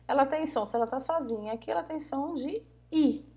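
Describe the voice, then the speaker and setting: High-voiced woman teaching patiently. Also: warm tone. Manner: patient, repeats words slowly, checks in with "tá?" and "vale?". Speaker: Spanish teacher. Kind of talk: online language lesson.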